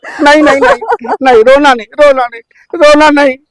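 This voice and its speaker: A man's voice: very high voice, moderate pace. An actor playing a middle-aged, forgiving husband who soothes his wife in a village short drama. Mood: soothing. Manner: soothing, coaxing. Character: forgiving gentle husband, older father. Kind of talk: village short-film acting.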